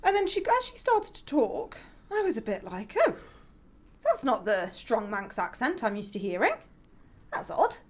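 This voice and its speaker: A woman's voice: fairly high pitch, sing-song, moderate pace. A woman co-hosting a podcast, telling anecdotes in casual, informal conversation. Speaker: podcast co-host and opinion writer.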